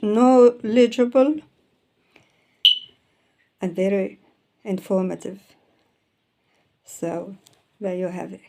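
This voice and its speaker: A self-published author, a woman in her fifties from an Arabic-speaking country whose first language is Arabic, chats casually about publishing and copyright while showing her books. She rambles, keeps returning to "so therefore," and corrects words mid-sentence. Her voice is mid-range in pitch for a woman, with a dark tone.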